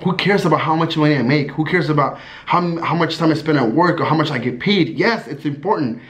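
A man's voice: on the high side, fairly quick, fairly bright tone, soft background music. A man in his thirties from the USA, talking casually to camera in a rambling, earnest way, full of fillers and laughing as he recalls stories. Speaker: vlogger.

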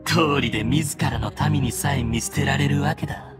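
A man's voice: mid-range voice, over music, lightly acted. A man voicing an arrogant young newborn god in a mechanical body, with a haughty, theatrical delivery for an anime-style game. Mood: mocking. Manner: haughty, theatrical, contemptuous, deliberate. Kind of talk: Japanese anime game voice acting.

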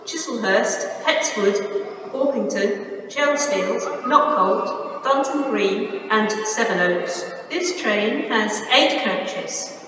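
A woman's recorded train station announcement over a loudspeaker, read in a measured, formal way, heard in a large railway station. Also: fairly high pitch. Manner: measured, even, formal delivery. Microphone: station loudspeaker picked up from far off. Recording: echoey station hall, distant, noisy. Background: station ambience.

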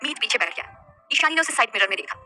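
A woman narrating a romance story in a lively, expressive scripted reading. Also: high voice, fast talker, slight background noise.

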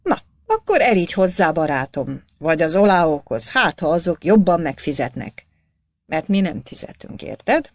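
A woman voicing a scornful, shouting male village notary who mocks and barks at a visitor. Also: lowish voice, big pitch swings, no echo, clean studio sound. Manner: sneering, mocking, barking.

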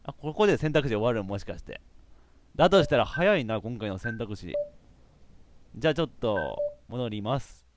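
Lively man streaming a game. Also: medium pitch, moderate pace, background noise. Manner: animated, bursts of laughter and shouting. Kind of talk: live let's play commentary.

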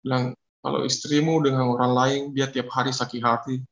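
A man giving an emotional personal faith testimony as a guest, speaking haltingly and repeating his phrases. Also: medium pitch, little pitch movement, reverberant, lo-fi sound.

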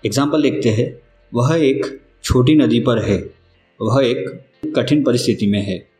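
Guy doing a vocab lesson, really slow and careful, spells stuff out, echoey room. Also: medium pitch, darkish tone. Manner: slow, deliberate, spells words out letter by letter. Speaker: vocabulary teacher. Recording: roomy echo with faint music.

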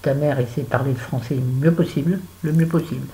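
A woman's voice: a bass voice, fairly even intonation, quick pace, dark tone, poor audio. A middle-aged woman vlogging while she does her make-up, chatting and telling a story with exasperated asides. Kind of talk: casual chit-chat while doing make-up.

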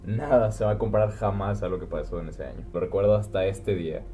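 A young man with a Mexican accent tells a childhood story to camera in a vlog, jumping from near-whispers to loud outbursts. His voice is mellow and relaxed, with faint guitar music in the background. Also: low-pitched, fast talker. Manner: animated, jumps between hushed asides and loud exclamations. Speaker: vlogger.

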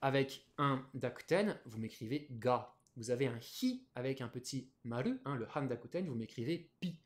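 A man's voice: mid-range voice, animated, moderate pace. A man teaching a Japanese lesson on a live stream, explaining patiently with many fillers.

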